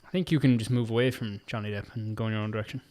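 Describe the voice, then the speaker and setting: A man's voice: on the low side, steady tone, a little mellow. A man co-hosting a podcast, running through entertainment news in casual, chatty talk full of "like". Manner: chatty, quick news roundup with frequent "like" and laughs. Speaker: podcast co-host. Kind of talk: casual chat.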